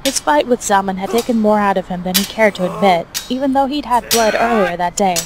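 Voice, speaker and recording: A woman with a mid-range voice reads a scripted fan fiction story aloud at a brisk pace as its narrator. It's a noisy hobby recording with steady background noise.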